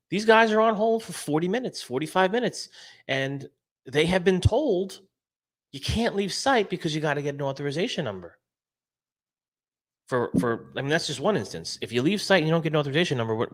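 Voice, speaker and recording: A man hosting a casual live-stream talk show, animated and repeating himself as he restarts sentences. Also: on the high side. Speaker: show host.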